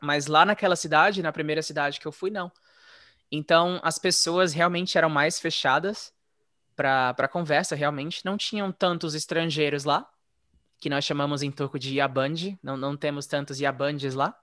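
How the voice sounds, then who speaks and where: Man with a slightly high, dry voice. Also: normal speed, no echo. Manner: relaxed, chatty, frequent "né?" tags. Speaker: interview guest, former English teacher living abroad. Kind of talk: casual conversational storytelling.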